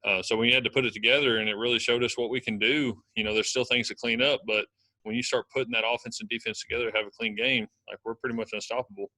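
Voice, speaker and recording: A young man, a college football lineman, answering reporters' questions at a press conference in fast, casual speech full of fillers like "you know". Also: mid-range voice, steady tone, pushed and bright, dry recording, rough recording. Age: young adult.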